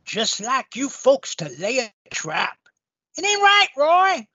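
A high voice playing a whiny young male prosecutor who talks in folksy country slang. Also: sing-song, slow pace, pushed and bright, breathy edge, full character voice. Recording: muffled lo-fi audio.

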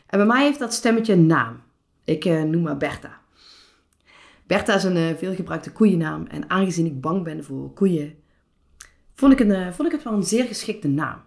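A woman with a fairly low voice hosts a solo podcast as a personal coach, speaking calmly and reflectively with some hesitations.

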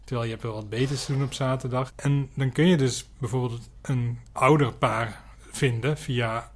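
A man hosting a comedy podcast, chatting casually and reading out an absurd story in a deadpan way. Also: mid-range voice, moderate pace, a little hiss or hum. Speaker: podcast host. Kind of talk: casual comic chat, then story reading.

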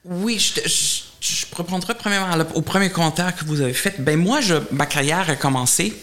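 A middle-aged man from Germany speaking French as a second language with a German accent, answering interview questions in a halting way, often repeating words. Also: high-pitched, fairly bright tone. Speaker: portfolio manager, interview guest.

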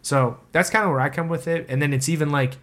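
A man's voice: fairly high pitch, quick pace, a bit bright. A man co-hosting a casual discussion, rambling and filling his talk with constant "like".

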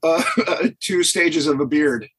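A middle-aged man talks in a loose, rambling way, trailing into stories as a podcast guest. His voice is bright and forward with a husky edge, pitched a touch high for a man. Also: unhurried. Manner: laid-back, rambling storyteller. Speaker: guest film director. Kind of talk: casual interview talk.

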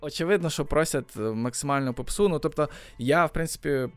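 A man's voice: a little high, a little fast, smooth, dry recording, faint music behind. A man, a rapper and songwriter, answering interview questions in casual chat, thoughtful and hesitant with many fillers and restarts. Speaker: podcast guest, rapper and songwriter.

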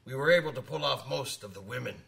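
An actor playing a gruff, hearty old sailor who savors short phrases as he spins dramatic tales of the sea. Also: mid-range voice, quick pace, bright, forceful tone, distant mic. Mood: grave storytelling. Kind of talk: dramatic audio storytelling.

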